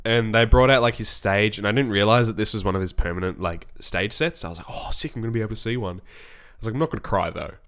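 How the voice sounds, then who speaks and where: Excited New guy telling a story. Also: lowish voice, quick pace. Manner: excited storytelling, acts out quotes. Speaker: podcast co-host. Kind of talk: casual chat.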